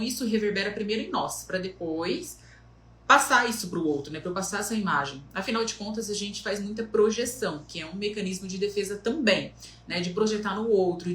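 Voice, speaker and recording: A woman coach talks through self-esteem in a steady mid-range voice. She walks through her points one by one and slips into little quoted voices to illustrate them. The room around her rings with a noticeable echo. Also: mid-range voice. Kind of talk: motivational talk. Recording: echoey room.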